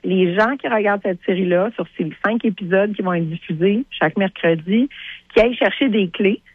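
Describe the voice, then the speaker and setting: Une femme à l'accent québécois, invitée d'une émission de radio, raconte son histoire avec animation et imite les répliques. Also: female voice, medium pitch, normal speed, husky, no room sound, narrow, tinny audio. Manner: animated storyteller who acts out quotes. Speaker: guest, creator of a TV series. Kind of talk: radio interview.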